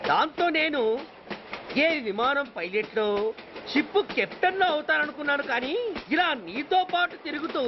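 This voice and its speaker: A man's voice: extremely high pitch, exaggerated voice. An actor playing an unmarried man around thirty who complains in a rambling, self-pitying way, in dull film audio with noise behind.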